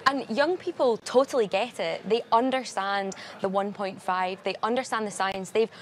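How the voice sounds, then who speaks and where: A woman's voice: medium pitch, normal speed, slight background noise. Earnest young woman on the news. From Glasgow, Scotland. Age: young adult. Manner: earnest, steady and articulate, stressing urgency. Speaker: climate campaigner, guest. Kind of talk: live TV news interview. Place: at a large climate summit venue.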